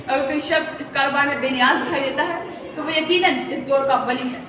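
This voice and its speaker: A woman's voice: sits high, steady tone, a little fast. A woman giving a formal oratorical speech with rhetorical Urdu diction, recorded from far off in a large hall. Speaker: speaker in a speech contest. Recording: echoey hall from far off, noisy.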